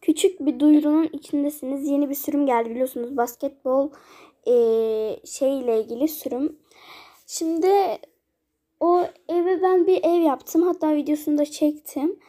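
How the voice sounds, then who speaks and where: A very high, light female voice narrates a casual life-sim game. She chats along and plays out little scenes with her characters. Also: normal speed, dark tone. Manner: chatty, plays out scenes with dolls.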